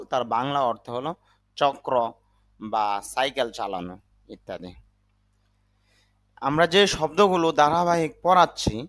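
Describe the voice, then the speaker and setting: A man's voice: on the high side, fairly bright tone. A man teaching English vocabulary, carefully spelling and sounding out each word. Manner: spells and sounds out words deliberately. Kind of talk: slow vocabulary lesson in Bengali.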